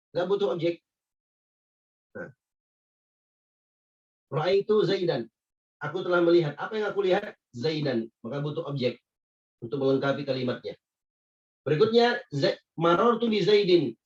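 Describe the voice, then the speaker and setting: Male grammar teacher, patient and repetitive, slightly high voice, recorded muffled from a distance. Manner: patient, repetitive explaining with frequent "ya" checks. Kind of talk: classroom grammar lesson.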